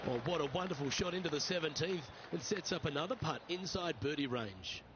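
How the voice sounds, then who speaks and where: A man doing play-by-play golf commentary in measured, clipped phrases. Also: fairly high pitch, lively intonation, lo-fi sound, a crowd in the background, background noise, close to an everyday voice. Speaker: lead golf commentator in a video game.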